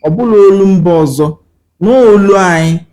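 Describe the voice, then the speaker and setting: Speaking to camera about language, a man with a Nigerian Igbo accent teaches earnestly, code-switching between English and Igbo. His voice is high and mellow on a low-quality recording, and he checks in with rhetorical questions and pauses filled with fillers.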